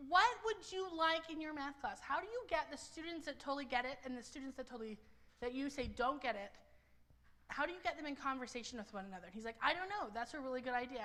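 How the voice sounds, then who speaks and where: A high-voiced woman in her thirties, a university writing instructor, gives a conference presentation in a library presentation room. She's loud and chatty, telling anecdotes with lots of "um"s and story asides, and speaks into a clip-on mic attached to her skirt.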